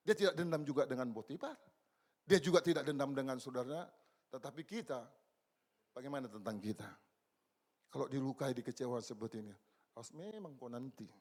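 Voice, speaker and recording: Dramatic older male pastor, pitched fairly high. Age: 60s. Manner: dramatic, swinging from loud exclamations to low quiet asides. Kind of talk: sermon. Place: church service.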